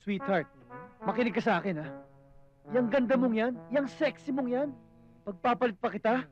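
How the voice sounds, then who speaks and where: An actor playing a caught-out young boyfriend who pleads and coaxes, in dry, dull film dialogue with music. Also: male voice, a little high, quick pace, close to an everyday voice. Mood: pleading. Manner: pleading, coaxing. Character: sweet-talking caught-out boyfriend, young man.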